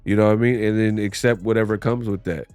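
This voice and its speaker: A man's voice: on the low side, fairly even intonation, quick pace, darkish tone, no room sound. Man, boxing commentary host, blunt critical opinions, dry voice, faint background music.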